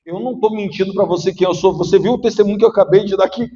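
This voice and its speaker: A male pastor preaching a sermon, emotional and at times rising to shouting. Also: high voice, racing, a crowd in the background. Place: church. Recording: muffled echoey church hall.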